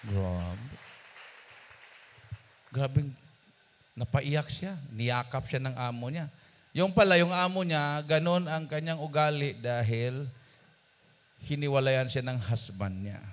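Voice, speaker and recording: A male preacher telling a story in a sermon, addressing his congregation directly and swinging between loud emphasis and quiet asides. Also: medium pitch, takes it slowly, pauses often. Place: church service.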